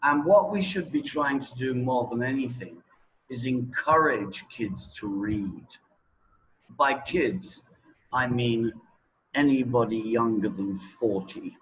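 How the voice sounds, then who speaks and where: The recording is rough: a medium-pitched man talks at a slow pace, answering interview questions as a language teacher. His explanations are didactic but chatty, peppered with checks like "right?", "okay?", "yeah?".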